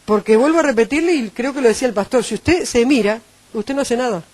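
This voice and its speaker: A woman with a Uruguayan Spanish accent preaching a sermon, animated and acting out the voices she quotes. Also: on the high side, fast talker, dry recording.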